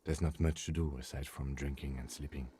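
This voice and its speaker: An actor playing a calm, reserved male police lieutenant in a video game, matter-of-fact and understated. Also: a bass voice, a little fast, a little hiss or hum.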